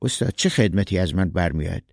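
A man's voice: low voice, expressive, gravelly, dry recording, clean studio sound, full character voice. A man voicing a fussy, helpful male neighbor who asks solicitous questions. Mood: polite.

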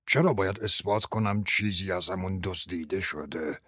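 A man's voice: sits low, fairly bright tone, no room sound, studio quality, pitched below the performer's own voice. A man voicing an elderly, grieving male survivor in an audiobook, speaking in a bitter, weary, subdued way. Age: older. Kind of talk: audiobook character voice.

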